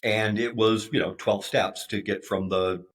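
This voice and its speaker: A man in his fifties, a podcast guest, speaking in a halting way with many fillers and restarts. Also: lowish voice, steady tone. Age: 50s. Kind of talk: conversational interview.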